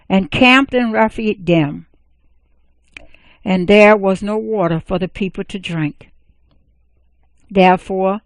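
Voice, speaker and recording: A woman reading scripture aloud, measured and even, with careful pauses. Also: mid-range voice, no echo. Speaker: scripture reader.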